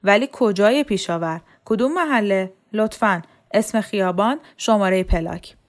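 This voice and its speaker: A woman's voice: medium pitch, close to an everyday voice. A woman reading a storybook, voicing a courteous but threatening male police interrogator in his thirties. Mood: cool, probing.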